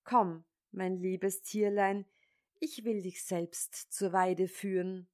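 A hot-tempered old tailor scolds and rages at his lying sons, as a woman reading a storybook puts him on. His words come slowly and weightily. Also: medium pitch, close to an everyday voice. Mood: gentle questioning. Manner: scolding, shouting in rage. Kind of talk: storybook fairy-tale reading.

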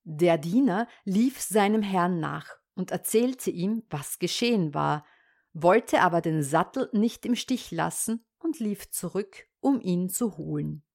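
A woman calmly reading an old fairy tale aloud as a storyteller, in a measured, even narration. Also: lowish voice, vocal fry.

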